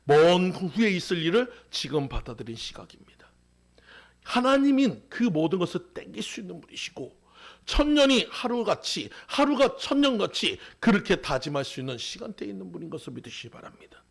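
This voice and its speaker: A man with a high, rough-edged voice preaches a sermon as pastor. His delivery swings between fervent, raised exhortations and soft, nearly whispered asides. A gravelly fry runs through his tone. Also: very animated, brisk.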